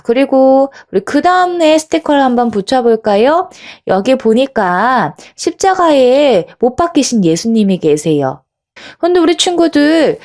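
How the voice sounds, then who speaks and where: A woman's voice: on the high side, darkish tone. Sing-song woman teaching small children. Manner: sing-song, coaxing, asks children questions and leads chants; slows and stretches phrases for children to repeat. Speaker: children's Bible school teacher. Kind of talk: demonstration lesson for preschoolers.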